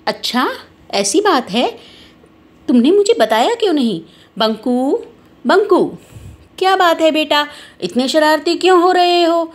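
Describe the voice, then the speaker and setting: A woman's voice: sits high, lively intonation, unhurried, pauses often. A woman voicing a caring mother in a doll story who questions the children firmly about their fight. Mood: concerned. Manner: concerned, firm questioning.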